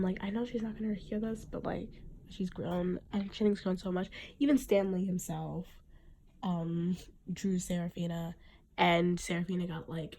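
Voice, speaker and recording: A woman's voice: lowish voice, vocal fry, warm tone, slight background noise. A young woman with a cold and a nasal voice, chatting casually and rambling on her solo podcast. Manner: chatty, rambling, giggly fan talk. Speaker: podcast host.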